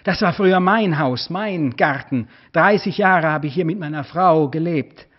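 A man doing an agitated old man, shaky raised voice, slightly higher, dull lo-fi recording. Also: unhurried.

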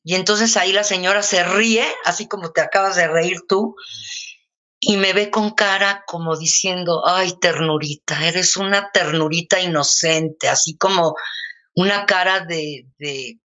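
An older woman with a Mexican accent, a guest in an interview, telling a personal anecdote in a lively, casual way with many fillers. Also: lowish voice, unhurried.

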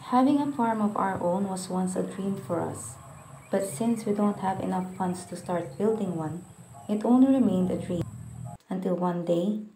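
A young woman, co-owner of a farm enterprise, reading a scripted voice-over in a steady, careful way. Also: medium pitch, gravelly, reverberant, low-quality recording. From Philippines. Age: young adult.

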